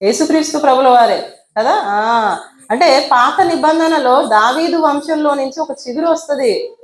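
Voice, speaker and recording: A woman's voice: sits high, a little slow. A woman evangelist preaching a sermon, asking her listeners many rhetorical questions and acting out the voices in her story. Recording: roomy echo.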